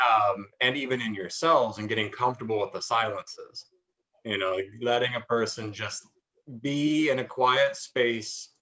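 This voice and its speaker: A man's voice: mid-range voice, measured pace, bright, forceful tone, low-quality recording. Thoughtful man in a class discussion. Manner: thoughtful, speaks in long winding phrases. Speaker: massage therapist in a class discussion.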